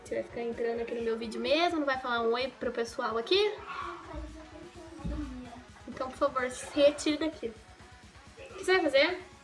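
In her bedroom at home, a young Brazilian makeup vlogger does a casual get-ready-with-me video, joking, rambling and correcting herself as she applies her makeup. Her voice is fairly high and fairly quick, broken by long pauses, with faint music in the background.

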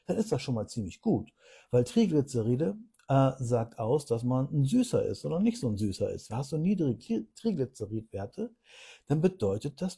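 A middle-aged man with a very dark, mellow voice and a husky edge, talking like a health coach in a relaxed vlog. He explains in a chatty way, stacks up rhetorical questions and repeats key words as he goes. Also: medium pitch. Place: on holiday.

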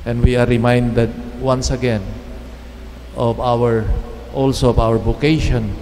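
A middle-aged man preaching a homily at Mass, speaking in measured, halting phrases with pauses, into a lectern microphone. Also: medium pitch, level tone, mellow, a little hiss or hum. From Philippines. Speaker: priest. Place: church chapel. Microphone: standing mic at lectern. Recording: long church reverb, faint ambience.

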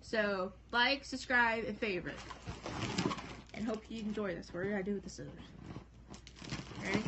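A woman's voice: medium pitch, moderate pace. A young woman talking casually to the camera as a vlogger in a small bedroom. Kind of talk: casual vlog chat to camera. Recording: noisy amateur home video.

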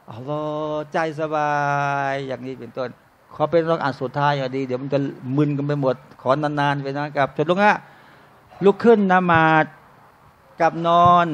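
A high-voiced Islamic teacher gives an informal sermon to a live crowd in a restaurant used for talks, speaking in an easy, conversational way. Addressing listeners again and again as brothers and sisters, he poses rhetorical questions and slips in brief, humorous scenes from daily life.

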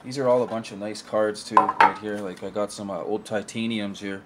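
The recording is very noisy as a young card collector vlogger, with a fairly low voice, fairly even intonation and normal speed, casually comments on old collectible cards. He talks offhand into a camera mic on the table in a room at home with a shelf of collectibles and often trails off.

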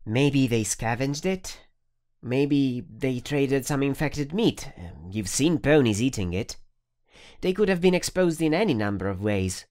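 A man voicing a young, earnest and proper female pony in an audiobook reading, in a high, swooping voice. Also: measured pace, natural voice. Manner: indignant, high and lively voice. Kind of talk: audiobook character voice.

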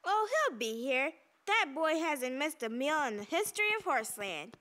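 Bright, lively high-voiced teenage girl. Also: moderate pace, exaggerated voice. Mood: confident. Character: outspoken loyal teenage girl rider. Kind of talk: animated series voice acting.

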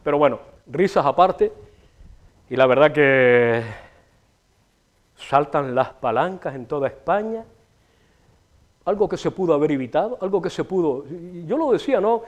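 A man's voice: on the high side, lively intonation, unhurried, long pauses. A middle-aged man with a Canarian Spanish accent, hosting a local TV show and delivering a rambling, swear-filled comic monologue with big gestures in a small studio. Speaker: TV show host. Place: small TV studio with a city backdrop.

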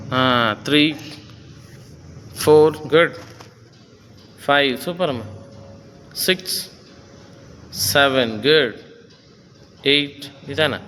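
A man's voice: fairly high pitch, bright, forceful tone. A man coaching his wife through a gym workout, giving short commands and counting reps. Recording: echoey gym hall with faint music.

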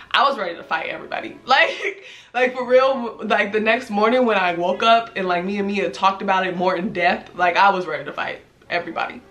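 A woman in her twenties from the United States, telling a storytime vlog in animated, slangy casual talk. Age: 20s. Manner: animated storytelling, acts out quotes in a loud high voice. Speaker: vlogger. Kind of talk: storytime chat.

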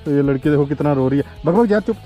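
A young man hosting a motorcycle vlog, talking quickly and chattily to his viewers on a chilly mountain road. His voice sits a little high, and faint music plays under him. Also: animated. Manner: chatty, keeps calling out to viewers as "guys" and "bhai". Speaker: motovlogger host. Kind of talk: casual vlog narration. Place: outdoors on a cold mountain road.

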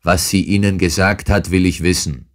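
A man voicing a huge, brutal older man in an audiobook, talking in a rude, shouting, insolent way. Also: deep voice, normal speed, voice pushed up, natural voice. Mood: insolent, angry. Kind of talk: audiobook character reading.

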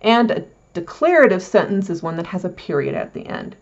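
A woman's voice: fairly low pitch, big pitch swings, a little fast, lo-fi sound. A woman teaching parents about language in a friendly, chatty way, explaining things step by step. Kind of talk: casual explanatory lesson.

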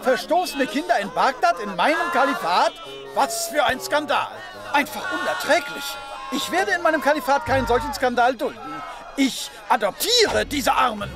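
A sleepy, kindly caliph. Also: male voice, very high-pitched, expressive, moderate pace, over music. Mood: drowsy indignant. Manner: loud and indignant, then soft. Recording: cartoon soundtrack with loud crowd.

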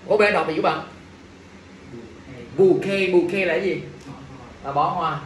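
A man's voice: high voice, normal speed. A male teacher, running an exam review class and quizzing students with jokes. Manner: lively, jokes with students, asks the class questions. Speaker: English teacher. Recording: echoey room, faint ambient noise.

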